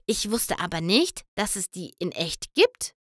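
A woman voicing a timid young female pony who stammers in a soft, trembling voice. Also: fairly low pitch, sing-song, unhurried, slightly rough, dry recording, studio quality, exaggerated voice. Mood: shy.

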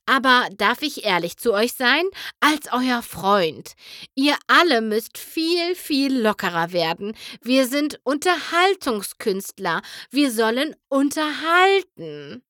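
A mischievous male chimera trickster from a storybook, played by a woman reader, teasing and theatrical. The voice swoops widely in pitch and moves slowly. The sound is close and dry. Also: sing-song, sharp tone, no room sound, exaggerated voice. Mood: smug.

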